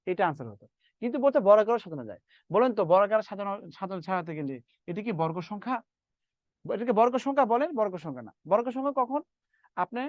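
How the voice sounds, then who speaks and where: A man's voice: high-pitched, dry recording, highs cut off. A man teaching math in a live online lecture, repeating steps and quizzing his students as he works through sums.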